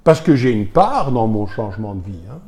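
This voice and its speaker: The man's pitch is fairly low but swings widely, with a moderate pace and a slightly mellow quality. A pastor with a Belgian French accent, he preaches emphatically and keeps challenging his congregation with rhetorical questions.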